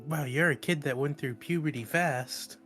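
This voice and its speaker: A man's voice: fairly high pitch, normal speed, a bit bright, faint music behind. A man, a player in a tabletop game, chatting casually and joking with some hesitation.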